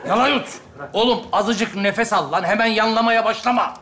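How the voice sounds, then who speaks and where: Brief: a blunt scolding friend, raised pitch, stage noise behind. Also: male voice, moderate pace, bright, forceful tone. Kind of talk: studio sketch comedy.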